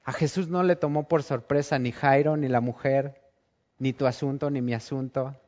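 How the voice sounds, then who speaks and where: A man preaching a sermon, telling Bible stories in an animated way and acting out the scenes. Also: mid-range voice, moderate pace. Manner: animated storytelling, acts out scenes. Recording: dull lo-fi recording.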